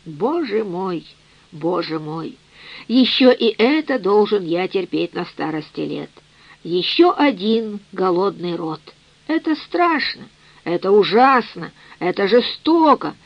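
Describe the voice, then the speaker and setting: A woman's voice: mid-range voice, lively intonation, slow pace, dry recording, muffled recording. A woman voicing an aging, self-pitying father who laments and wails theatrically. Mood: lamenting.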